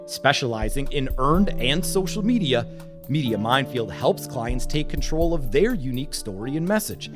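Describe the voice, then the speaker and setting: A man's voice: medium pitch, big pitch swings, normal speed. A man reading a scripted, upbeat podcast introduction. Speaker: announcer. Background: guitar music.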